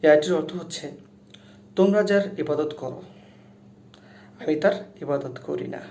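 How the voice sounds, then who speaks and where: Man, recitation teacher, slow step-by-step lesson, fairly high voice, mellow tone, echoey room. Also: slight background noise. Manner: explains each letter, then chants verses slowly and loudly.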